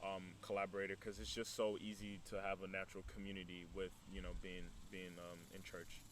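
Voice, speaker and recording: A man in his early 20s, of Burundian background and raised in Texas, chats casually and a little hesitantly as a student entrepreneur being interviewed. His low, monotone voice is fairly bright and fairly quick, and the recording has clear background noise.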